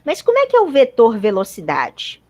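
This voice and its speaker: A woman's voice: on the high side, huge pitch swings, normal speed, mellow. A woman giving a university physics lecture, explaining step by step and checking in with her students.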